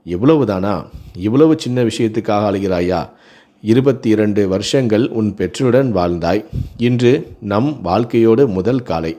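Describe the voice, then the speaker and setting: A man's voice: fairly low pitch, moderate pace, dark tone, natural voice. A man voicing a pushy, possessive young husband who talks in an insistent, teasing way.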